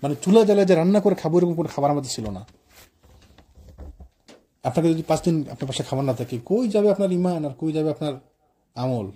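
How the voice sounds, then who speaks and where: A man delivers a sermon in a mosque, moving between quoted prayers and casual asides to his listeners. His voice sits a little high, yet it sounds very dark and husky. He talks at a fast clip. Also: animated. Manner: conversational, mixes quoted prayers with colloquial asides. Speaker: preacher. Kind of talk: sermon on the life of the Prophet.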